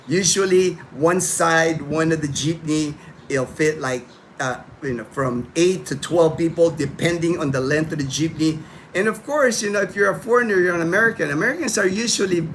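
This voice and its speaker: A man's voice: a little high, a bit bright, a little hiss or hum. Rambling, chatty man hosting a livestream. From Philippines (Manila). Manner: rambling, chatty, full of fillers and restarts, replying to viewers' comments. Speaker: livestream host. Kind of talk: casual livestream chat.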